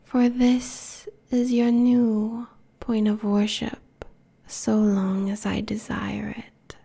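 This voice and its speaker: A woman voicing a cruel, domineering immortal queen in a hushed, breathy whisper, slow and menacing. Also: mid-range voice, level tone, heavily acted. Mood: commanding. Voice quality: breathy whisper with gravelly fry. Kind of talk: whispered audio roleplay.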